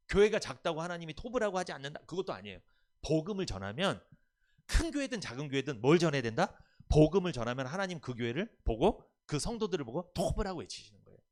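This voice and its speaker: A male pastor preaching a sermon, asking his congregation questions and answering them himself. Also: fairly high pitch.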